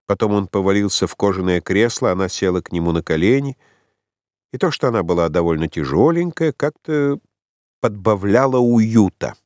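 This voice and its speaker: A man narrating a literary audiobook in a measured, expressive reading. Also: lowish voice, no echo, clean studio sound. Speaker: audiobook reader.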